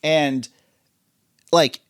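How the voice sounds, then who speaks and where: A man's voice: fairly high pitch, steady tone, very slow, fairly bright tone, clear, resonant tone. Rambling man telling a story. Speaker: podcast co-host. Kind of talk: casual podcast chat.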